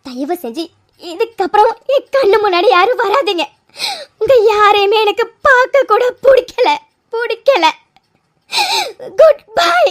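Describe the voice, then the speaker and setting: In a cartoon, an actor gives a young woman a piercing, very high voice. She is bitter and tearful, and her words keep breaking. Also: lively intonation, unhurried, heavily acted. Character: hurt, angry young woman rejecting her family.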